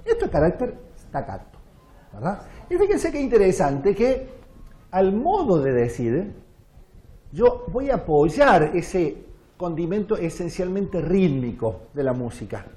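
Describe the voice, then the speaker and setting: Argentine male music lecturer, high animated voice, audience-focused. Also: a little slow. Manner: animated, demonstrative, addresses audience with questions. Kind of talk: lecture with sung and recited examples. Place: lecture hall.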